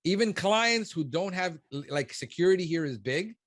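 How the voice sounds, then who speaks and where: A man's voice: high-pitched, animated, moderate pace, a bit bright, no room sound, clean studio sound. A man in his fifties, a business consultant, giving blunt and emphatic one-on-one coaching. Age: 50s. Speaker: pest control business consultant.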